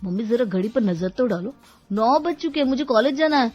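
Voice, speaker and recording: A woman's voice: fairly high pitch, animated, a little fast, a little mellow, muffled recording, faint music behind. Woman doing a cheeky college-boy brother. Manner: cheeky, whiny. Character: teenage male college student, cheeky younger brother.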